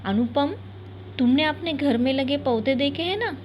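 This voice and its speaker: A woman voicing a loving mother who gently calls her son to dinner in a children's story. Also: on the high side, slow pace, highs cut off, a little hiss or hum. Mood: coaxing.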